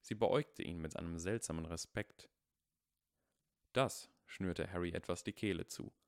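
A man calmly narrating a story as an audiobook reader. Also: sits low, measured pace, no echo, studio quality.

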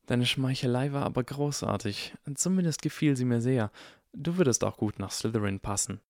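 A man's voice: medium pitch, expressive, normal speed, a little mellow, dry recording, clean studio sound, voice pushed up, lightly acted. A man voicing a haughty, spoiled aristocratic boy wizard with an arrogant, drawling manner, in an audiobook. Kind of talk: audiobook character voice.

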